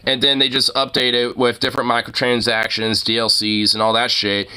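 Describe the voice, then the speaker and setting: A man giving casual, off-the-cuff streamer commentary, rambling and halting, with plenty of loose swearing. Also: medium pitch, level tone, pushed and bright, clean tone.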